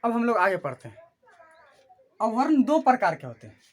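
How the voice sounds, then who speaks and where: Woman teacher going over a lesson, asks then answers herself, pitch jumps around a lot, on the high side. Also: big pitch swings, moderate pace. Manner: asks questions and answers them herself, repeating key terms. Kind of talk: online class lesson.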